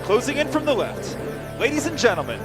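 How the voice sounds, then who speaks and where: A man delivering scripted air show commentary in a dramatic, measured showman style. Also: very high voice, huge pitch swings. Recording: loud music and engine noise behind. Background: loud music, vehicle sounds.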